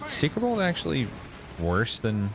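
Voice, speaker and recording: A man doing casual live game commentary, thinking out loud and answering viewers as he plays. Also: medium pitch, wildly swooping pitch, a little slow, gravelly, background noise. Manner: reads and answers viewers' messages aloud. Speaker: game streamer. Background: game music.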